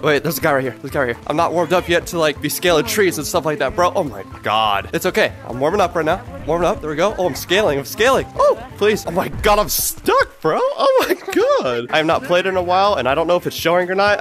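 A young man giving excited, casual commentary while playing a video game, often tossing in slang like "bro". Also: on the high side. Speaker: gaming video creator.

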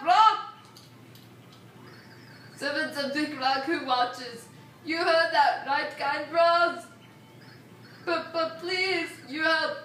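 A woman voicing a worried old caveman village elder in a video game, with halting, pleading broken speech and slang. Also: very high voice, fairly bright tone, exaggerated voice. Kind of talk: reading video game dialogue aloud. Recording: roomy, distant mic, faint noise.

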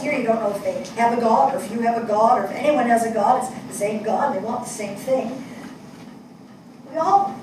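On a small theatre stage before an audience, a stage actor in her sixties gives a dramatic reading as an earnest, shaken New Yorker. Her fairly high voice sits close to everyday speech, and the monologue is deliberate and searching, full of rhetorical questions and dramatic pauses. A far camera picks her up in the echoey theatre, so the sound is distant and noisy.

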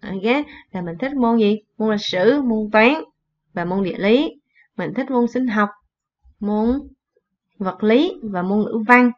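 A woman teaching an English lesson, reading phrases and repeating them in translation. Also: fairly high pitch. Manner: explains slowly, repeats in translation. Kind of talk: bilingual classroom lesson. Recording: dull lo-fi recording.

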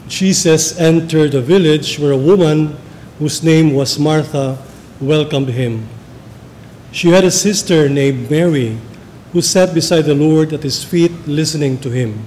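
Filipino priest in cathedral echo. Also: male voice, darkish tone. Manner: measured, formal liturgical delivery. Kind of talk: reading the Gospel and preaching at Mass. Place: large church. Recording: long church reverb, faint rumble.

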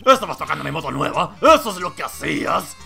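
A woman voicing an angry, confrontational man in a video game, protective of his scooter and very loud. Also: low voice, very animated, quick pace, gravelly, faint music behind, exaggerated voice. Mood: furious. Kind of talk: video game character dub.

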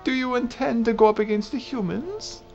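A man voicing an old hag, a haughty, cranky female plant sage from a video game, with an affected old-lady voice and drawn-out, theatrical delivery. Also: very high voice, creaky, darkish tone, dull audio, faint music behind, voice pushed up. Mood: approving, solemn. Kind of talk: reading video game dialogue aloud in character.

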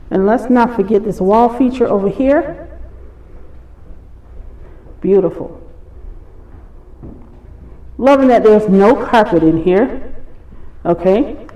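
A breathless woman narrates a casual house-tour vlog. She talks slowly in a soft, mellow tone, admiring as she goes. The sound is echoey, from a handheld phone. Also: fairly high pitch. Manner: admiring, addressing viewers. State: short of breath. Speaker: vlogger touring a show home. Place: walking through an empty or staged house and its yard. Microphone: handheld phone held by the person filming. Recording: echoey rooms, light background noise.

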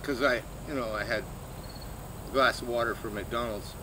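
A middle-aged man chats casually and haltingly while chewing his food, rambling with trailing pauses as he eats outdoors. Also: medium pitch, steady tone. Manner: chewing and eating while talking. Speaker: vlogger. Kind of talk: casual mukbang chat addressed to one person. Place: outdoors in a shady grassy backyard. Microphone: camera a few metres away. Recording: outdoor background noise, insects, distant vehicles.

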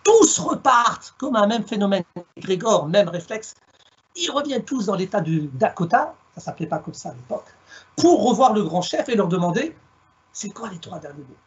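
Speaking from home on a video call through a headset, a middle-aged Frenchman from Alsace gives a reflective storytelling talk as a guest. His voice sits high and sounds very animated and husky, while the recording is muffled. Still, his manner is measured and thoughtful, with plays on words.

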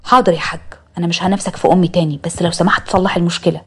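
A woman with an Egyptian accent voicing an annoyed young son who answers quietly and grudgingly. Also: lowish voice, steady tone, rapid-fire, slightly rough. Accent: Egyptian Arabic.

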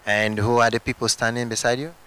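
A man's voice: medium pitch, flat delivery, quick pace, pushed and bright, clear, resonant tone. A man interviewing people on a church stage, asking formal, prompting questions.

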